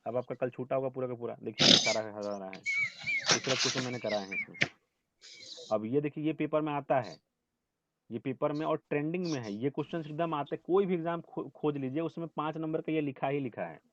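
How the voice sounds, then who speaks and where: A man's voice: mid-range voice, dull audio, background noise. Hindi-speaking man teaching an online class. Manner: explains step by step, asks "ठीक है?" often, scolds students gently.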